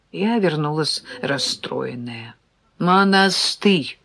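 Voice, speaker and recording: Brief: woman audiobook narrator, slow and expressive, lively pitch. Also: slightly rough. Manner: expressive, animated reading. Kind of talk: scripted narration.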